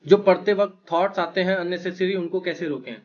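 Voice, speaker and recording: A man's voice: high-pitched, steady tone, brisk, darkish tone, highs cut off. A man giving blunt, emphatic, brotherly study advice to exam students as their mentor. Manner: blunt, emphatic, brotherly, with frequent "right?" check-ins. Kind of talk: motivational advice talk.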